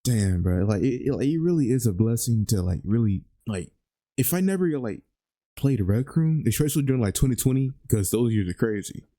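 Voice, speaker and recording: A twenty-year-old man hosting a podcast, excitable and slangy, often repeating himself. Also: medium pitch, fairly quick, dry recording, studio quality. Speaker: podcast host. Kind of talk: casual podcast chat.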